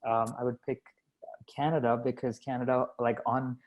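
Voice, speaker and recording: A man's voice: medium pitch, flat delivery, moderate pace, dull audio. Chatty man who grew up in Dubai. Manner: chatty, self-deprecating, many fillers and restarts. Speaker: company founder and CEO, guest. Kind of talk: casual interview conversation.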